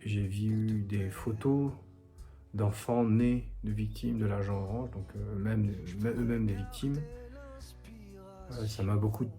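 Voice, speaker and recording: A man in his forties from France speaks gently and haltingly, pausing often as he records a support message. His voice sits low and mellow. Faint guitar plays underneath. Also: steady tone. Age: 40s. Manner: soft-spoken, hesitant, many pauses. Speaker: songwriter giving a support message. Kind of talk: recorded video testimony.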